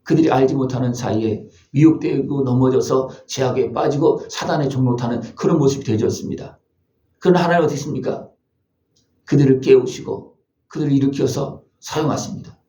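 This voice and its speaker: A man's voice: mid-range voice, brisk, mellow, roomy sound. A male pastor preaching a sermon, asking his congregation one rhetorical question after another. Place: church sanctuary.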